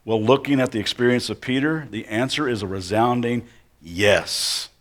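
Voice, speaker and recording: A male pastor preaching a sermon as dramatic storytelling, slowing and dropping to hushed tones for effect. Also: mid-range voice.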